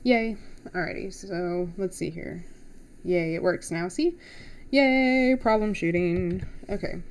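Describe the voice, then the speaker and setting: Young female artist, low-ish gravelly voice, easygoing rambling chat while drawing on stream. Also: steady tone, unhurried, warm tone. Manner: rambling, chatty, talks to herself as she works.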